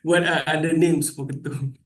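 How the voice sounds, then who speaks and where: A man's voice: on the high side, fairly even intonation, moderate pace. A man with a Malaysian accent presents and quizzes an audience informally, casually switching between English and Malay with local slang particles. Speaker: presenter giving a medical talk. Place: meeting room. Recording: echoey room, picked up from a distance.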